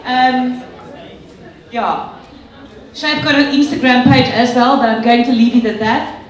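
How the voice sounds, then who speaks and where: High-voiced woman hosting in an echoey hall. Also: steady tone, measured pace. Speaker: event host. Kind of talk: addressing a live audience at a course event. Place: large echoey indoor venue. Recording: very echoey hall, far from mic.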